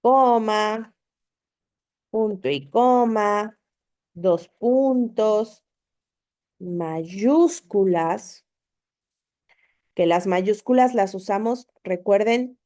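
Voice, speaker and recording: A woman's voice: mid-range voice, very slow, long pauses, darkish tone. A woman, an online course tutor patiently explaining spelling and punctuation to students, often checking in with "ok?". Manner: patient, repeats points, asks "¿ok?".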